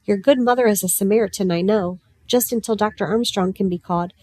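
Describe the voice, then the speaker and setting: A genial village rector talks in a hearty, reassuring way in a storybook reading, as a woman puts him on. His manner is warm and steady. The recording is dry. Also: medium pitch, fast talker, no room sound, close to an everyday voice. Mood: urgent.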